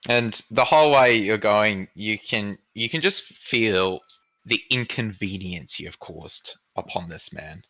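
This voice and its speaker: A man narrating as game master of a tabletop game, casual and halting. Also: lowish voice, pushed and bright, muffled recording.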